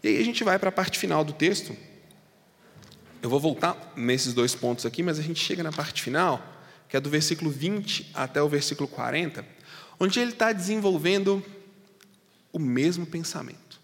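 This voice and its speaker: A man's voice: fairly high pitch, lively intonation, moderate pace, fairly bright tone, long reverb tail. A man preaching a sermon and explaining a passage, talking in a conversational way straight to his congregation. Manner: conversational, addresses the congregation directly. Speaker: pastor. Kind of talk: expository sermon.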